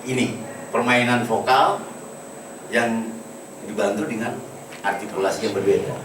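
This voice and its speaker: A man's voice: fairly low pitch, unhurried. A man teaching an acting workshop, explaining vocal technique and demonstrating single words with shifting intonation. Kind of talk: lecture to a workshop. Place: large room at a workshop. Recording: echoey room recorded from a distance with background noise.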